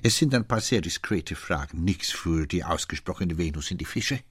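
Male reader doing a curt old director, deep, husky, article slips. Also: lively intonation, normal speed, no room sound, studio quality. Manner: brusque, muddles German articles. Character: elderly male director, brusque, mixes up articles. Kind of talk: audiobook reading.

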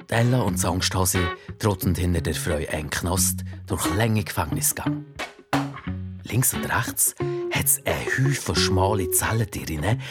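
A man narrating a children's audiobook, slow and expressive. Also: deep voice. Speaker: storyteller.

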